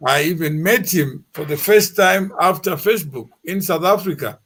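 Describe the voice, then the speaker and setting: A man hosting a discussion, speaking hesitantly with many pauses and fillers. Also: on the high side, fairly bright tone, breathy edge. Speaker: discussion host. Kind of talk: reflective talk.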